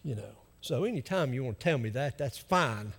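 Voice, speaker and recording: A man's voice: medium pitch, animated, moderate pace, gravelly, breathy edge. A man with an Appalachian accent preaching a conversational sermon in a folksy, emphatic way, acting out what people might say. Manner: folksy, emphatic, acts out imagined objections. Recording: reverberant hall.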